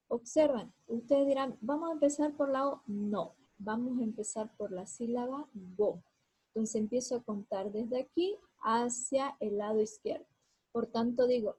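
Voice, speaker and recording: A woman's voice: a little high, warm tone, breathy edge, low-quality recording. A woman teacher giving a lesson, explaining each step and talking straight to her students. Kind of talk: classroom lesson.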